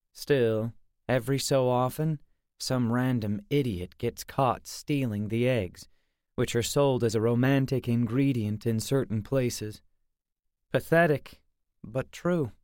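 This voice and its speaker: A man reading a first-person story aloud in a steady, conversational way, with wry asides. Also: mid-range voice, dry recording, clean studio sound. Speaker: audiobook narrator.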